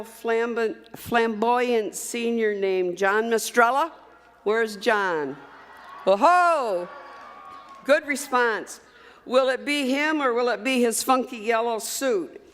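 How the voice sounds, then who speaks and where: An older woman giving a commencement speech, telling folksy stories with asides to the graduates. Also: mid-range voice. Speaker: commencement speaker. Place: large hall at a graduation ceremony. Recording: reverberant hall with faint ambience.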